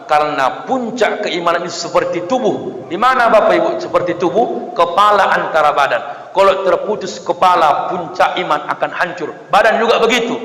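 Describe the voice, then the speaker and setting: A man preaching a humorous sermon, acting out villagers' voices and joking with the congregation. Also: fairly high pitch. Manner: lively, acts out voices of villagers, jokes with the audience. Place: mosque hall. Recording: echoey hall with long reverb.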